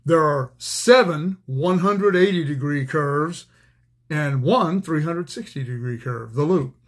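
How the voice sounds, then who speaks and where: Older man, retired railroader hosting his own channel; slightly high voice, plainspoken, loose and full of "uh"s. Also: slow pace. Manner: conversational, many fillers and restarts, plainspoken. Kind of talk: casual explainer monologue.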